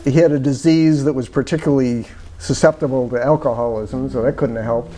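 A man's voice: medium pitch, steady tone, fairly quick, warm tone, slight background noise. An older man talking as an author being interviewed, reflective and meandering with many fillers, on a lapel mic in a small parlor-style room. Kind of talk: casual conversation.

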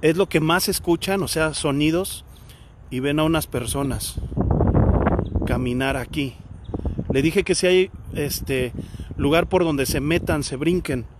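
A Mexican man on a ghost-hunting vlog, talking in a hushed, jumpy way and calling out to spirits in a cemetery at night. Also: on the high side, measured pace, long pauses, background noise. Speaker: paranormal investigator vlogger.

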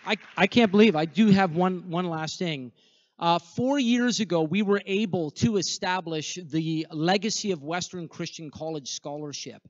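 An earnest, grateful middle-aged man speaking for a school makes a fundraising appeal to a congregation, standing in a church sanctuary before a choir. His voice sits high and moves at a moderate pace through a handheld microphone, with a dull, dry sound and no room echo.

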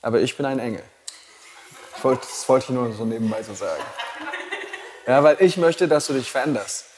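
A man's voice: mid-range voice, fairly quick, noisy background. A man teaching yoga teacher trainees in a blunt, provocative way and laughing at his own jokes. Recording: long hall reverb.

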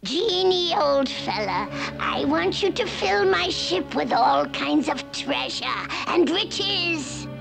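A woman voicing a scheming old sea witch in a vintage cartoon, theatrical and wicked, with a creaky cackle. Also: high voice, lively intonation, slow pace, hardly any pauses, over music, full character voice. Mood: greedy, commanding. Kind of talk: vintage cartoon villain acting.

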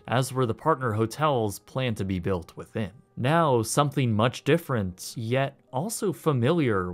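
A man narrates a scripted documentary voice-over at a middle pitch, steady and informative. Now and then he slips in a dry, sardonic aside. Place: voice-over, recorded separately from footage.

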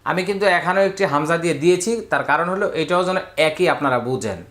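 A patient teacher, a man with a Bangladeshi Bengali accent, leads a recorded Quran reading lesson. He spells out each letter, then draws out the syllables in slow, repeated drills for his students. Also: on the high side, a bit bright, echoey room.

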